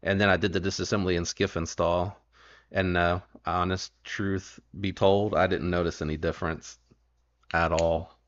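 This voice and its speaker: A man's voice: low-pitched, little pitch movement, moderate pace, a bit bright. A man hosting a knife livestream in casual chat, rambling and correcting himself as he goes. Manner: rambling, self-correcting and easygoing. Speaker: knife channel host. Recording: dull lo-fi stream audio.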